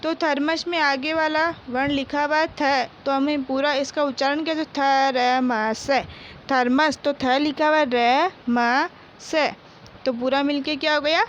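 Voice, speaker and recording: A woman's voice: high voice, steady tone, fairly bright tone, lo-fi sound, a little hiss or hum. A woman teacher gives a primary-school Hindi lesson. She reads each word twice and answers her own questions. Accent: Rajasthani Hindi. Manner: slow, patient, repeats each word twice for pupils; asks questions and answers them herself.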